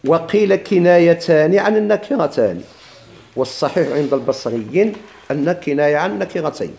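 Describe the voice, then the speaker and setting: Moroccan guy teaching arabic grammar, gravelly mellow voice, keeps asking himself questions. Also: fairly high pitch, expressive. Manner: explains slowly, repeats examples, asks and answers his own questions. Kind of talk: classroom explanation of a grammar text.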